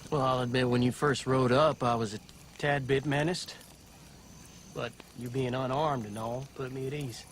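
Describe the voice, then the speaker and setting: A man's voice: mid-range voice, fairly even intonation, moderate pace, slight background noise, natural voice. A man playing a friendly, plain-spoken Old West settler in a western drama, with folksy, hospitable phrasing. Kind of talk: western film acting.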